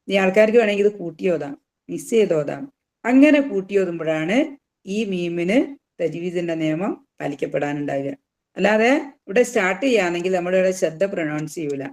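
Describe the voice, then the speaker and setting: A Quran recitation teacher, patiently explaining recitation rules, slowing down to sound out each word and repeating it. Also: mid-range voice, a little mellow. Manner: patient, slows right down to demonstrate each word; repeats words and mixes in English terms.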